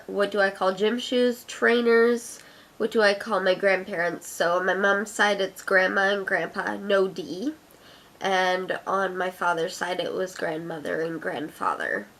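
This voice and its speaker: Chatty and giggly, this young Canadian vlogger has an Ottawa accent and a medium-pitched, mid-range voice that's a bit bright. She's casually doing an accent challenge and reading her own fiction aloud.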